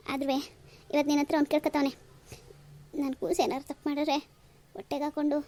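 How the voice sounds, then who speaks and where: Old landlord dad in a cartoon, earnest, fatherly, high dark voice, a woman voicing him. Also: lightly acted. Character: old village landlord father, proud, tender.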